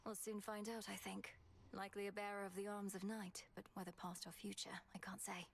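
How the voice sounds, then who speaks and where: A woman's voice: medium pitch, flat delivery, fairly quick, creaky. A woman voicing an earnest, resolute young witch princess in a video game, speaking formally and thoughtfully. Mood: musing. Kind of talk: video game character acting.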